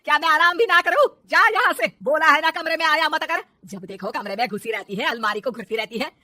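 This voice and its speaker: A woman voicing a bossy, sharp-tongued middle-aged mother-in-law in a Hindi cartoon, nagging and scolding. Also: medium pitch, quick pace, breathy edge, no echo, studio quality.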